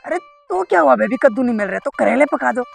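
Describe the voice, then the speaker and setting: A middle-aged village headman, put on by a man in a comedy skit, gruff with others and sugary to his wife. The voice is gravelly and fairly high, with faint music behind. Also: animated, fast, full character voice. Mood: cooing.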